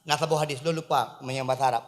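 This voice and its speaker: A man from Aceh preaching a humorous sermon to a crowd in a mosque courtyard, speaking with an Acehnese accent and swinging between low asides and loud emphatic calls. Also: fairly even intonation, very fast, long reverb tail. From Aceh, Indonesia.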